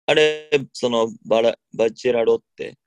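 A man's voice: mid-range voice, fairly even intonation, smooth, soft background music. A young man with a Kansai accent chatting casually on radio in a hesitant, groggy, slightly muddled way. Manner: hesitant, slow-witted, groggy. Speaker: radio show co-host, novice comedian.

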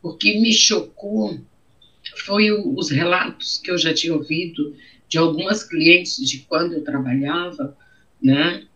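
A woman's voice: lowish voice, unhurried, fairly bright tone. A middle-aged woman with a Brazilian accent, telling her own story in an interview, emotional and repeating her phrases. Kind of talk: personal testimony in an interview. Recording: dull, muffled audio.

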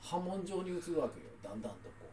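Fast, animated man with Ehime accent. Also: high-pitched, a little hiss or hum. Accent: Ehime, Shikoku Japanese. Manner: insistent, mock-scholarly explaining. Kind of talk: casual bantering chat.

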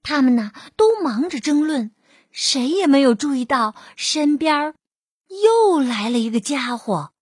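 A woman narrating a children's storybook in an expressive, drawn-out manner. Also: high voice, no room sound, studio quality.

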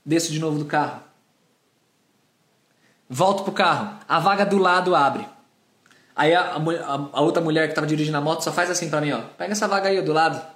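A man's voice: on the high side, fairly quick, pauses often, fairly bright tone. A Brazilian man in his thirties preaching, telling a personal story with acted-out scenes and sound effects. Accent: Brazilian Portuguese. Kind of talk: storytelling sermon with a confession. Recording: roomy echo.

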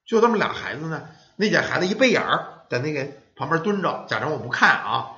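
Lively man telling a spooky folk tale. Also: on the high side, fairly quick. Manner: folksy storyteller acting out children and parents. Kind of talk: spoken ghost story telling. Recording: roomy, dull lo-fi sound.

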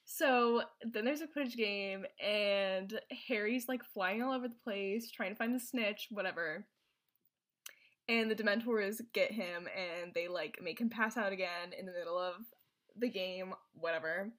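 A woman chatting casually as she retells a film, her talk rambling and full of fillers. She restarts often and keeps going at an everyday pace, in a voice of middling pitch. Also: a little slow, fairly bright tone. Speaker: presenter recapping a film. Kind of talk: casual chat.

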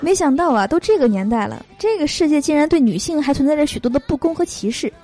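A young woman hosting a podcast, reading jokes aloud and chatting between them with lots of drawn-out fillers. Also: high voice, lively intonation, warm tone, soft background music. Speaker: podcast host.

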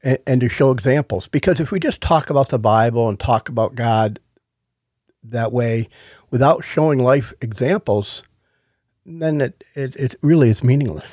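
A man's voice: mid-range voice, moderate pace, darkish tone, no room sound, studio quality. A middle-aged man with toothless, lisping speech, talking earnestly and casually as a podcast co-host giving a personal testimony. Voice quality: toothless, lisping speech after oral surgery.

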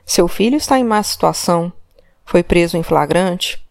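A woman's voice: on the low side, lively intonation, normal speed, creaky, dry recording, clean studio sound. A woman voicing a male police commissioner who presses hard with insistent, repeated commands. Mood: pressing.

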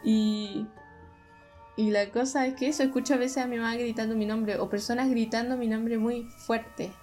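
A woman's voice: a little high, steady tone, normal speed, a little mellow, faint music behind. A young woman with a Chilean Spanish accent, telling a story in casual, rambling chat full of fillers. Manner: rambling, chatty, many fillers. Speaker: podcast co-host telling stories.

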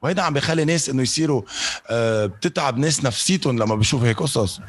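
A man's voice: mid-range voice, animated, racing, breathy edge. A Lebanese man in a casual interview, mixing Arabic with English phrases and often searching for the right word. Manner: searches for words mid-sentence. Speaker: interview guest, on-air programme presenter.

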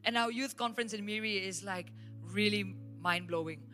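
A woman pastor, Malaysian English in accent, speaks at medium pitch and normal speed as she preaches at church. Her sermon storytelling is emphatic and animated, set against faint instrumental worship music.

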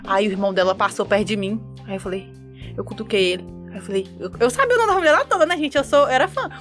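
Talking very fast in a mid-range voice over soft background music, this guest from Montes Claros, northern Minas Gerais, recounts a story with a Mineiro Brazilian Portuguese accent. The young woman dramatizes herself and quotes everyone else in lively voices.

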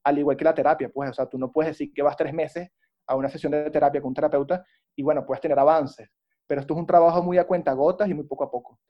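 Fast-talking Venezuelan young man. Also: on the high side, lo-fi sound. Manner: rapid, animated storytelling with fillers like ¿sabes? and ¿no?. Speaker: guest recounting addiction recovery. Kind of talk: conversational interview.

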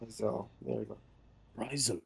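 A man talking casually on a podcast with a warm, mellow tone. He rambles, restarts sentences and fills gaps with ums and likes. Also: medium pitch, measured pace. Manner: rambling, many fillers and restarts. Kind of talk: casual chat.

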